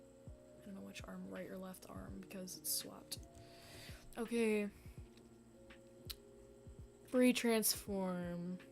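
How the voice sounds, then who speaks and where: Woman, art streamer, casual chat while drawing, soft-spoken, unhurried. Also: mid-range voice, flat delivery, vocal fry, soft background music. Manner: soft-spoken, murmuring asides to herself.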